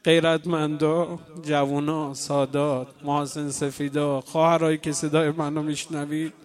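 Brief: male lament reciter, emotional sing-song chanting to a congregation, raised pitch. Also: flat delivery. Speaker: religious mourning reciter. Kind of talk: chanted religious mourning lament.

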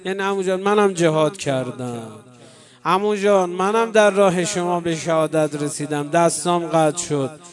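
Brief: loud pleading young boy, wounded, drawn out, slow, a man doing the voice in a sermon. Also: on the high side, faint music behind, lightly acted.

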